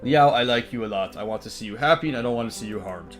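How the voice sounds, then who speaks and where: A man reading the lines of a protective male guardian tiger spirit aloud in a soft, formal, old-fashioned way. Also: medium pitch, animated, faint music behind, natural voice. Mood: tender. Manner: formal, old-fashioned wording, read slowly and softly. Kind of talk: reading visual novel dialogue aloud.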